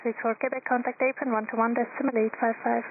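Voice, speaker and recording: Female air traffic controller, higher voice, very quick procedural delivery, over radio with clear static. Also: little pitch movement. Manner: procedural, clipped phraseology. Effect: aviation radio. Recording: tinny, noisy aviation radio transmission.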